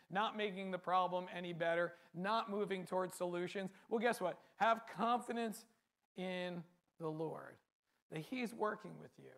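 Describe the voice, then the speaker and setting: A man preaching a sermon, speaking earnestly in a repetitive cadence and often asking rhetorical questions. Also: high voice.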